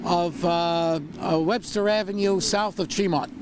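A man's voice: high-pitched, steady tone, unhurried. An older man leading an outdoor walking tour, rambling with many fillers and wry puns. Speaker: tour guide and borough historian. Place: city sidewalk outdoors in winter. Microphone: handheld microphone. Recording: street noise, far camera mic.

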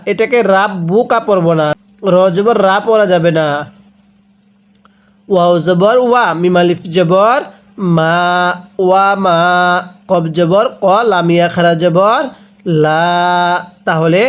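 A man's voice: sits high, slow pace, long pauses. A man teaching Quran reading, spelling each word syllable by syllable and asking the viewer to repeat after him. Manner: drills syllables aloud, repeating and asking "how will we read?". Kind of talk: slow spelling-out recitation lesson.

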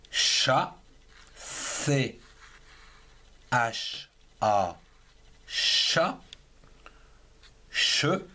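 A French-accented man teaching a handwriting lesson, spelling each word out one letter and syllable at a time. He speaks at an unhurried, deliberate pace, and his voice rises and dips animatedly around a middle pitch. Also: sharp tone.

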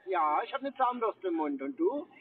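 A man's voice: sits high, very animated, breathy edge, no echo, pitched above the performer's own voice, full character voice. A man putting on a silly, doting simpleton who babbles nonsense and fumbles through broken English on a phone call. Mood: dopey. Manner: mumbling, halting broken English, sweet-talking. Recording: distant tinny phone line.

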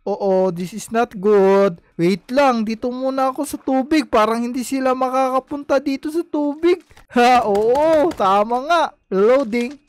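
A woman hosting a game video, talking in excited gameplay banter and yelping often. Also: on the high side, unhurried, no room sound. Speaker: channel host playing a game.

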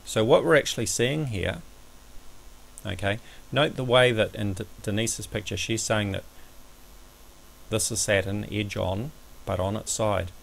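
An amateur astronomy presenter gives step-by-step explanatory commentary over a screen recording, measured and somewhat hesitant. His voice is fairly low and creaky, and the audio quality is poor.

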